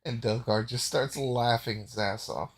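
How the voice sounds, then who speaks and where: A relaxed man runs a tabletop game at a slow, unhurried pace, narrating in a mid-range voice. He talks casually and loosely, stopping often on fillers and breaking into easy laughter. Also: medium pitch, background noise. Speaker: game master.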